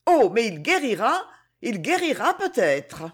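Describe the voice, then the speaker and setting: A woman's voice: mid-range voice, sing-song, unhurried, husky. A woman voicing an earnest young heroine.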